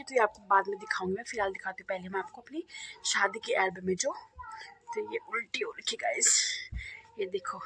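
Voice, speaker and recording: A young woman with an Uttarakhand Hindi accent chats casually to the camera while showing off her wedding album, playful and talkative and laughing often. Her mid-range voice has a creaky quality.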